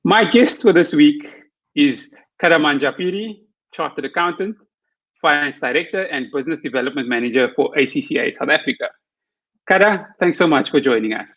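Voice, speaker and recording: A man's voice: fairly high pitch, expressive, a little fast, a bit bright, lo-fi sound. A young man hosting a career podcast over a video call, wearing headphones in a small room, with a friendly, slightly rehearsed delivery. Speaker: podcast host. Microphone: headphones with video call audio.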